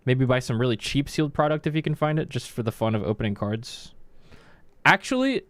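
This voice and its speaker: A young man, a card vendor, chatting casually and candidly, swearing freely. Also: no room sound. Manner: candid, swears freely, mimics people in high voices. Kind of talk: casual chat.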